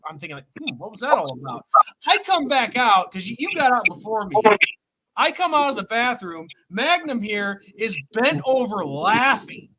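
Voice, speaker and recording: A man's voice: high voice, low-quality recording. A man co-hosting a casual live show, telling a rambling story and correcting himself as he goes. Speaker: co-host.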